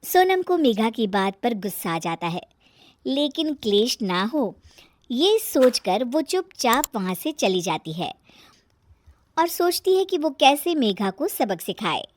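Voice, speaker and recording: A woman narrating a cartoon family story. Her voice is high and very lively, and she takes her time with each line. The sound is close and dry. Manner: expressive, unhurried.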